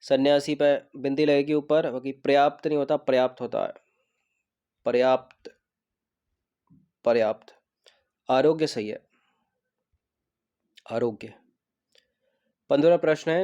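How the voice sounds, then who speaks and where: Man drilling correct spellings, mellow voice. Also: medium pitch. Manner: repeats each correct word slowly to drill it; checks in with students and asks them questions. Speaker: exam coaching teacher. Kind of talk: explaining a Hindi spelling test.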